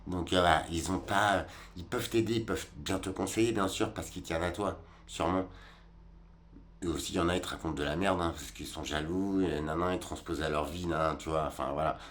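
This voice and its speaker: A man's voice: sits low, steady tone, brisk, a bit bright, slight background noise. A man in his forties giving a rambling, colloquial monologue, talking straight to the viewer about life. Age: 40s. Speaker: vlogger. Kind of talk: casual reflective monologue.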